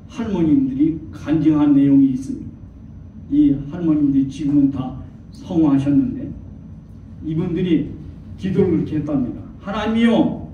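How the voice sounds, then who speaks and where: A man preaching a sermon as a church elder, throwing rhetorical questions to the congregation and acting out quoted voices. His voice is high and carries through a strongly echoing church hall. The recording is dull and distant, with faint noise behind. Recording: echoey hall from far off, dull.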